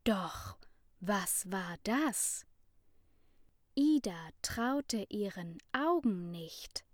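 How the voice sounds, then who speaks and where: A woman reading a children's story aloud in a slow, careful storybook manner. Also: mid-range voice, animated, no room sound, studio quality.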